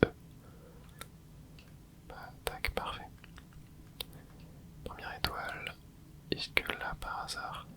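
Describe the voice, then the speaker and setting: In a slow whisper broken by long pauses, the ASMR gamer stays soft and unvoiced from start to finish, trailing along with fillers, hesitations, and restarted sentences.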